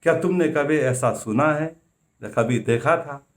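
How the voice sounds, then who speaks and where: A man voicing a cunning friend who pleads slowly with false sorrow. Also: fairly high pitch, natural voice. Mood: mock grief. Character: sly scheming man, feigning sorrow.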